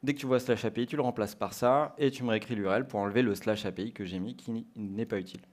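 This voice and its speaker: A man from France talks through a live coding demo on a conference stage. His voice sits a little low and he explains each step as he goes, with the odd filler. It has the easy flow of someone used to presenting. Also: fairly even intonation, quick pace, a little mellow.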